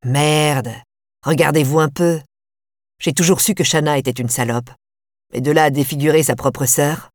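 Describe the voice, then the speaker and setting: A scheming male killer with a cold, sneering edge, put on by a woman reading an audiobook. The voice sits low and is heard close and dry. He sounds menacing. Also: steady tone, moderate pace, a little mellow, no room sound, natural voice. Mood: scornful.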